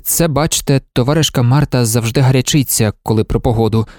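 A man's voice: mid-range voice, fairly quick, darkish tone, no echo, studio quality, close to an everyday voice. A man reading an audiobook, voicing a cheeky young male accountant who teases in familiar banter. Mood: irritated.

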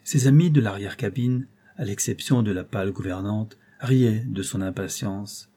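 A man reading a classic novel aloud as narrator, in a measured storytelling delivery. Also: fairly low pitch, mellow. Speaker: audiobook reader.

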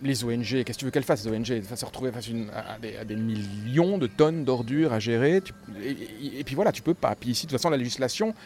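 A man's voice: mid-range voice, fast talker, few pauses, a little mellow, faint music behind. A man raised in Switzerland, a foundation founder being interviewed casually, talking emphatically and hammering his points home. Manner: emphatic, piling up repeated points. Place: restaurant.

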